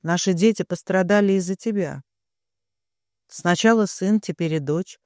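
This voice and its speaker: A man reading an audiobook, voicing a distraught middle-aged mother who pleads and accuses in a shrill voice. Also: moderate pace, no room sound, clean studio sound. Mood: accusing.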